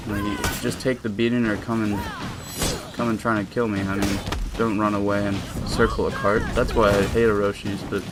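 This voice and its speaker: A young man rambling casually through a voice-over commentary on his own game footage, with lots of fillers and restarts. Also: lowish voice. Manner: rambling and laid-back, with many fillers and restarts.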